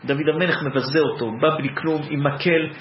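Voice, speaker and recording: A man giving an animated Torah sermon, telling the story in a preacherly way that builds through repetition. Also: on the high side, slight background noise. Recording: echoey, dull lo-fi room recording.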